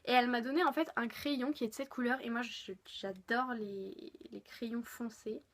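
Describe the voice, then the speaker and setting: A woman's voice: on the high side, fairly even intonation, moderate pace, fairly bright tone. Gushing young woman beauty vlogger. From France. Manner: chatty, gushing, lots of fillers. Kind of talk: casual haul video chat.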